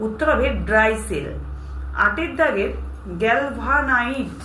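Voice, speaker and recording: A woman's voice: a little high, a little slow, soft background music. A woman teacher, reading exam questions and their answers aloud and steadily telling students what to learn. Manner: steady, instructive, addresses students directly. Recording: echoey room with faint hiss.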